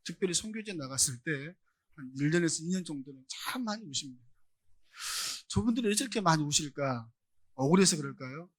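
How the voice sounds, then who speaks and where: Male pastor, sermon delivery, fairly high voice, dry close sound, builds to forceful rhetorical peaks. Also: expressive, brisk, husky, no room sound. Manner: builds to loud emphatic rhetorical questions; addresses the congregation often.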